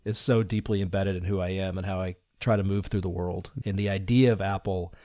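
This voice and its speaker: A middle-aged man with a fairly low voice talks through his ideas in a reflective, earnest way. He lets small laughs slip into his sentences. The sound is close and dry, with no room around it. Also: steady tone, brisk, dark tone, no echo. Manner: reflective, earnest, laughs lightly while talking. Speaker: podcast guest, design leader. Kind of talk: conversational interview.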